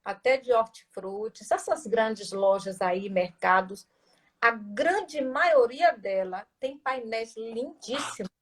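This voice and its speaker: A woman's voice: on the high side, slow pace. A woman teacher, explaining in a conversational interview and stressing points with rhetorical and tag questions.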